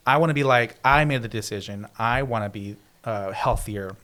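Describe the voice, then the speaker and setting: A man's voice: medium pitch, normal speed, fairly bright tone. A man co-hosting a casual podcast chat, teasing his co-host and rambling through restarts.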